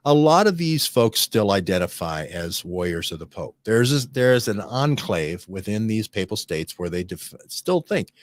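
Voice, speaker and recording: A man hosting a casual studio discussion, rambling and animated, often restarting and checking in with "right?". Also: fairly low pitch, moderate pace, few pauses. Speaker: host.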